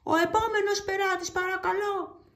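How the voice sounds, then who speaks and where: A woman voicing a loud, gruff male grocer who shouts every line. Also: extremely high pitch, fairly even intonation, pitched above the performer's own voice. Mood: shouting. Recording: roomy echo.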